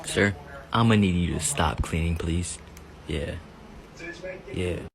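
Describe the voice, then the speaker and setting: A man voicing a stern, fed-up male pet in a slow, gravelly voice for a funny animal video. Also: low-pitched, crowd noise, full character voice.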